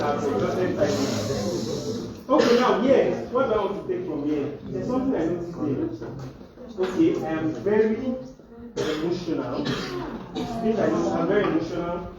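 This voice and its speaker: A man's voice: sits high, highs cut off. A man leading a classroom session, talking students through their notes and often checking they follow along. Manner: animated, keeps checking students follow with "you understand?". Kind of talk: classroom teaching and discussion. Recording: very echoey room, from far off, loud class noise.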